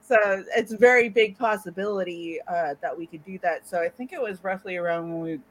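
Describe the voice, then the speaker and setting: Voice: medium pitch, brisk, a bit bright. Rambling podcast guest, full of "like". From Arizona, USA. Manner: rambling, lots of "like" fillers. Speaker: podcast guest, co-creator of a YouTube channel. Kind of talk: casual chat.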